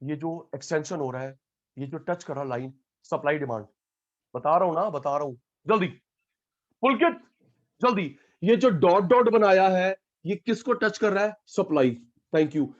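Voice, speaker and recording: A male teacher with a fairly high voice leads an online class, calling out students by name one after another. He drills key terms through repetition. The audio is dull and lo-fi. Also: normal speed. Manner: calls out student names, repeats key terms.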